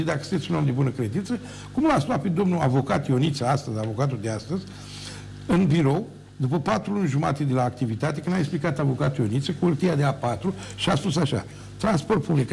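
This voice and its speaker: A man's voice: sits high, vocal fry, darkish tone, slight background noise. An older man, a former mayor, ranting emphatically on his own TV show, repeating words for force. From Romania. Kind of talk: heated televised monologue.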